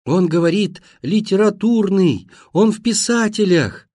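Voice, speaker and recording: A man reading an audiobook and voicing an elderly mother who shouts in a thin, piercing, flute-like voice into a deaf son's ear. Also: sits high, animated, a little slow, pitched above the performer's own voice. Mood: shrill shouting.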